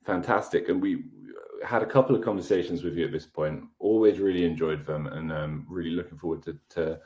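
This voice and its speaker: A man's voice: sits low, steady tone, brisk, darkish tone. A man hosting a podcast, friendly and enthusiastic as he talks with his guest. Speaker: podcast host. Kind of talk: casual podcast interview. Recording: roomy echo.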